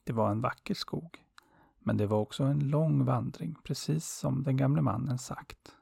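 Gravelly male storyteller reading a fairy tale. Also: mid-range voice, dry recording, studio quality. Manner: calm, unhurried, softly expressive.

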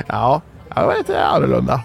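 Playful rambling man with a gravelly voice. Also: mid-range voice, darkish tone. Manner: rambling, playful, self-correcting. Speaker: host of a children's bedtime show. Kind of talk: playful storytelling and joke-telling.

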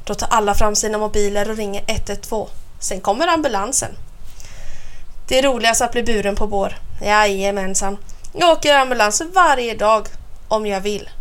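A woman's voice: mid-range voice, fairly bright tone. A woman reading a children's story aloud in a playful first-person voice.

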